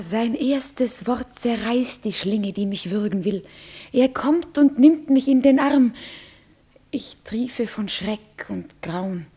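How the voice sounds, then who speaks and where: A breathy, pleading young bride. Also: female voice, medium pitch, dark tone. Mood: anxious. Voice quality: breathy, often whispering. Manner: pleading, trembling. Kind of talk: classic radio play acting.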